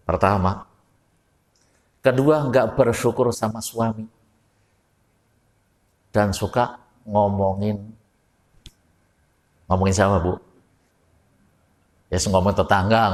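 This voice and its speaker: The sound of a big room surrounds this man's lowish voice as he, a Javanese preacher from Java, gives a homespun study sermon in a mosque hall and keeps asking his listeners questions.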